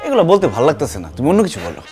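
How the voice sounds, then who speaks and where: Eager fast-talking young man in a comedy skit. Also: on the high side, wildly swooping pitch, a little mellow. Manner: eager, boastful, comic. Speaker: comic actor playing a suitor. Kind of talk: comedy sketch acting. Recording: faint background music.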